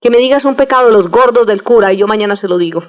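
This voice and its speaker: A woman's voice: medium pitch, rapid-fire, close to an everyday voice. A woman voicing an eager nun insisting to her priest, in a slightly muffled radio recording. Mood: insistent.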